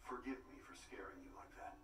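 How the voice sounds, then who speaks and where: A man voicing an earnest, protective adult bar owner in an anime dub, speaking with low, steady concern. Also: a little fast, a little hiss or hum, lightly acted. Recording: echoey, distant TV audio with music.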